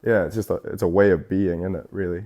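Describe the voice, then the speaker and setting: A man's voice: deep voice, steady tone, fast, lo-fi sound. A young man from Scotland, a guest artist in a tattoo shop, chatting casually in a loose, rambling way full of fillers and swearing. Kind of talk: casual chat.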